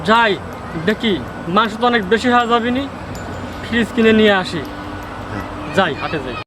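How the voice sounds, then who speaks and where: A man plays a village man thinking out loud as he heads off to shop. His voice is fairly high for a man and faint music plays beneath the dialogue. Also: expressive, moderate pace. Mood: musing. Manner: muttering his plans to himself. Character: well-off village man shopping after the cattle market. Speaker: actor. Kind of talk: amateur village drama acting.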